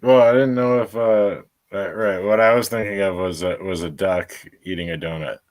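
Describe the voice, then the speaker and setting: A man's voice: deep voice, fairly even intonation, moderate pace, a little mellow. A man co-hosting a casual livestream chat over a call, joking and laughing often. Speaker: livestream co-host.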